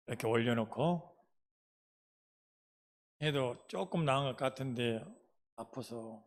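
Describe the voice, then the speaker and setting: A middle-aged male pastor with a Jeolla dialect preaches in a down-to-earth, storytelling way. His voice sits at an ordinary mid-range pitch, and he often turns to his listeners with questions while recounting his own hardships. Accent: Jeolla Korean dialect. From Jeolla province, Korea. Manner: folksy storytelling, asks the congregation questions. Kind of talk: sermon with personal testimony.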